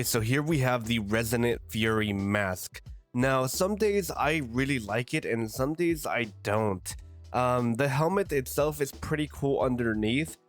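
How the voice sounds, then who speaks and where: Congested man reviewing gaming gear. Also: mid-range voice. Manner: relaxed, rambling with fillers. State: congested from a cold. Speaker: gaming video creator. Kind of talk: casual gear review voice-over.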